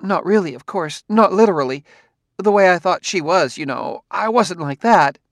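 A man's voice: high-pitched, lively intonation, moderate pace, a bit bright, dry recording, studio quality, voice pushed up. A man reading an audiobook, voicing a chatty, anxious middle-aged wife who rambles on in a raised voice. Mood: rambling.

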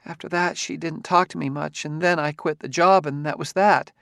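A man's voice: on the high side, steady tone, moderate pace, vocal fry, a bit bright, dry recording, studio quality, voice pushed up. A man reading an audiobook, voicing a chatty, anxious middle-aged wife who rambles on in a raised voice. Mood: rambling.

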